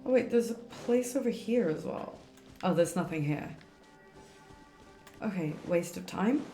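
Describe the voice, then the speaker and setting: Casually commentating live on her gameplay, a woman talks through her thoughts in a mellow, expressive, mid-range voice at a measured pace. The recording echoes a bit, with game music running in the background.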